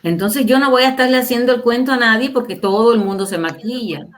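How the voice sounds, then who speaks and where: A woman's voice: fairly high pitch, quick pace. An older woman in her sixties talks at length as a guest on a livestream interview. She keeps up a casual, opinionated flow and presses her points home by firing rhetorical questions at her listeners. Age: 60s. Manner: emphatic, asks the audience rhetorical questions.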